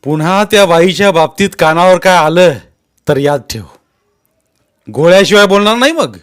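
A man's voice: high voice, animated, normal speed, fairly bright tone, clean tone, voice pushed up. Storybook: male reader playing a thundering, vengeful village tough. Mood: threatening. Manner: roaring, commanding. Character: fierce village strongman, middle-aged man, avenging.

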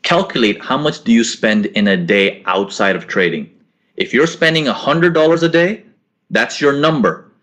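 A forex webinar host with a Korean and American upbringing coaches viewers casually from a small home room, responding to chat and frequently repeating words. The young man's medium-pitched voice is lively in intonation, a bit bright, and paced normally. He's picked up by a laptop webcam mic during a video call.

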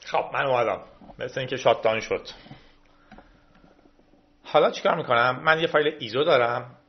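An Iranian man hosts a laid-back screen-recorded tech tutorial, talking through each step while clicking around menus. His voice is medium-pitched and a little rough, and the audio sounds lo-fi.

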